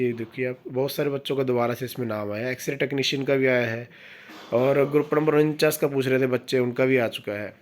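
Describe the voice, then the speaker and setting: A man hosting an exam news channel, reading official notices aloud slowly and explaining them in a casual way to viewers he calls friends. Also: mid-range voice. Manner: reads English notice text slowly, then explains it in Hindi; addresses viewers as friends, asks for comments.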